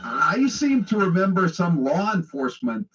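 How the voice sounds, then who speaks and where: This American political talk radio host sounds high-pitched, very animated, gravelly and a bit bright, speaking at a moderate pace. He's far from the mic, with soft background music, on a dull lo-fi radio relay. His monologue is opinionated, sarcastic, mocking and conversational.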